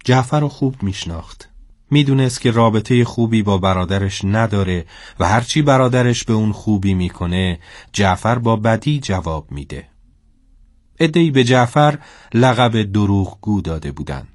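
A man narrating a story in a steady, scripted storybook style. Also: lowish voice, no echo, studio quality.

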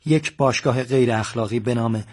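Husky male audiobook narrator. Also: medium pitch, a little mellow. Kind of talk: scripted narration.

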